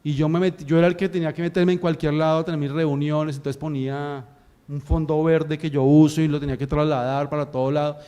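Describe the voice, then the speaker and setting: High-voiced preacher spinning a story. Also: male voice, brisk, clear, resonant tone. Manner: animated storytelling, acts out scenes. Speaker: pastor. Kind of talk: sermon.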